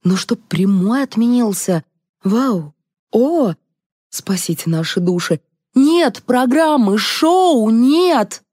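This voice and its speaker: A woman's voice: medium pitch, lively intonation, slow pace, breathy edge, no echo, clean studio sound, pitched above the performer's own voice. A woman voicing a brash, bossy young female TV producer who barks orders. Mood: frantic. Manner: barking orders, brash and loud.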